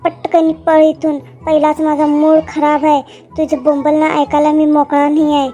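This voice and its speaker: A scornful cartoon village youth jeers at his friend, voiced by a woman. The voice is high and flat, and loud music plays throughout. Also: moderate pace, close to an everyday voice. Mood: mocking. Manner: mocking, taunting, scornful. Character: mocking skinny village young man, a teasing friend.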